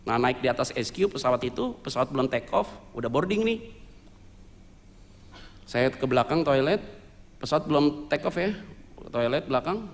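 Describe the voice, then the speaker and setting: A male pastor preaching a sermon, telling his story in a lively, joking way and mixing in English words. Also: mid-range voice, normal speed, long pauses, long reverb tail. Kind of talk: sermon testimony. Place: church sanctuary.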